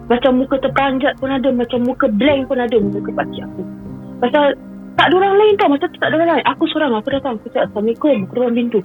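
Calling in to share a personal story, a woman talks in a high, very fast voice, sprinkling English phrases throughout and often repeating herself. The audio is narrow and tinny, with soft music in the background.

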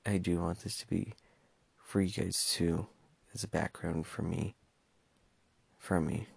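Young man, deep flat voice, hesitant, stumbling, casual monologue, dry close sound. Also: measured pace, vocal fry, breathy edge, no echo. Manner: hesitant, stumbling with many fillers. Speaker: podcast host.

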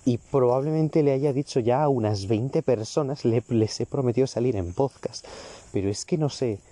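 A man's voice: medium pitch, normal speed, warm tone, dry recording. Ranting teenage guy outdoors. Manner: profane, ranting, self-mocking. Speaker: vlogger. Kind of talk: casual podcast-style monologue. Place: outdoors in a garden.

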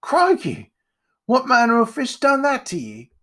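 A cheeky young newsboy chirps in a high, bright voice, as a man puts him on. He talks back with a saucy, street-wise manner. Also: wildly swooping pitch, heavily acted. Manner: cheeky, quick.

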